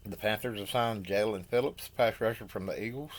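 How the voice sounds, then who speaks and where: A man with a lowish voice reads NFL signings off handwritten notes, pausing and correcting himself as he trips over names. Between items he drops plain, opinionated asides about the deals. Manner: halting, apologetic, stumbles over names. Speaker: host. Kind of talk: reading NFL news from notes.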